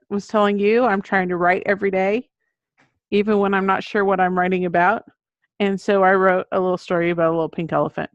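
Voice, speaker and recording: This children's book author, a middle-aged woman appearing as an interview guest, replies in a chatty way with a mid-range voice. The audio is dull and lo-fi, with no echo.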